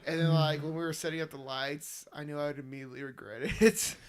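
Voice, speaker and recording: A man's voice: a little high, flat delivery, fast, noisy background. A young man hosting a casual late-night chat, joking and laughing often, sleepy and yawning. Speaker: podcast host.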